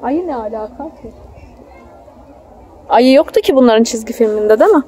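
Behind a handheld phone camera, a young mother chats casually with her child at an outdoor children's theme park. Her voice is on the high side, warm and animated, at normal speed, with faint ambient park noise behind her.

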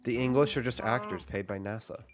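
A man's voice: mid-range voice, brisk, a crowd in the background. A young man from Texas with a stuffy, congested voice, joking around while gaming. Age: young adult. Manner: joking, laid-back. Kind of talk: casual gaming chat.

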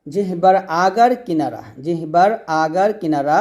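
In an instructional lesson on Arabic letter pronunciation, a male recitation teacher uses a patient, repetitive drill with call-and-repeat prompts. His voice is slightly high and mellow, and he keeps a moderate pace.

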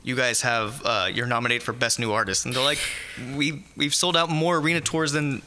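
A man's voice: mid-range voice, fairly quick, slight background noise. A young man, a band member, chatting casually as a podcast guest in a studio. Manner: animated storyteller, hums riffs. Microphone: studio mic with headphones.

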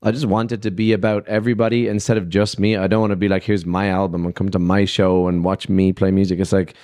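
Deep-voiced and quick, a young musician rambles casually through an interview in a festival backstage lounge, speaking into a handheld mic. He's laid-back and drops plenty of "like" and "you know" fillers.

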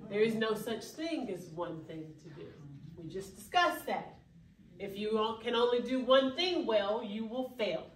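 An animated young woman with a voice on the high side speaks unhurriedly over slight background noise. Giving a preacherly, emphatic keynote that at times swells into exclamations, she's recorded from a distance by a camera at the rear of an echoey hall.

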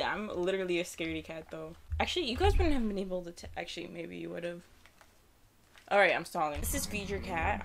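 A woman's voice: lowish voice, slight background noise. Chatty nervous young woman gaming. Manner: chatty, self-deprecating, nervous laughter. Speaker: gaming streamer. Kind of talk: casual let's-play commentary.

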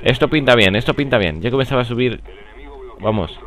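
A young man with a Spanish accent from Spain, rambling and joking through live gameplay commentary, with sudden excited outbursts. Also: mid-range voice, a little fast. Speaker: gaming commentator.

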